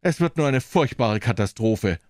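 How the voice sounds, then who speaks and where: A man playing an earnest young gentleman who asks anxious questions. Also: mid-range voice, animated, moderate pace, no room sound, studio quality, natural voice.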